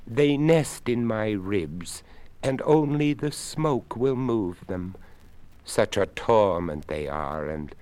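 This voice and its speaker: A man plays an old skeleton with impeccable manners, courteous and unhurried. The voice sits very low and unhurried, yet its pitch rises and falls widely. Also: expressive, darkish tone. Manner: formal, courteous, slow.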